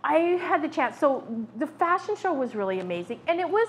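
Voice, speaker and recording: A woman's voice: high voice, sing-song, a little fast, a little hiss or hum. A middle-aged woman hosting a casual talk show in a studio, chatting informally.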